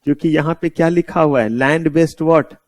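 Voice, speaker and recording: Indian male law lecturer, slightly high voice, explains by firing rhetorical questions at students. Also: fairly quick, a little mellow, no room sound. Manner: mixes English terms into Hindi. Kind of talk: classroom lecture.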